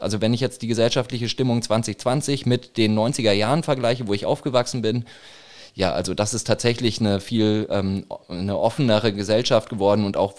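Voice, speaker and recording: Male, 30s, from northern Bavaria, lowish voice, halting interviewee with lots of fillers. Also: darkish tone. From Franconia, northern Bavaria, Germany. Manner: halting, many fillers and restarts. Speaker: interviewee, protest organizer. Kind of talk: casual interview.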